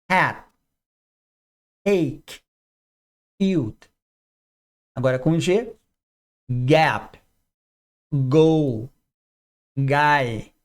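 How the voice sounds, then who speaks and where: A man's voice: on the high side, a little mellow. A man teaching English pronunciation, reading out word lists one by one with short explanations in between. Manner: slow, drawn-out word drills with explanations. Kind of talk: didactic pronunciation lesson.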